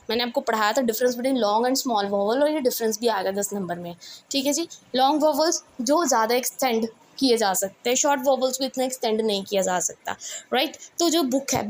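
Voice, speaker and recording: A woman's voice: sits high, a little hiss or hum. A woman teaching an English revision lesson with an Indian English accent, mixing English terms into her explanations and often checking with "right?". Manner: mixes English terms into explanations, repeats "theek hai ji" and "right?". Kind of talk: exam revision lecture.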